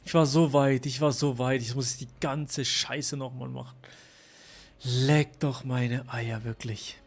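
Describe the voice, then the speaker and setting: A man's voice: mid-range voice, fairly even intonation, normal speed, vocal fry. A young man live-streaming a video game, swearing and venting his frustration to his chat. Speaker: gaming streamer.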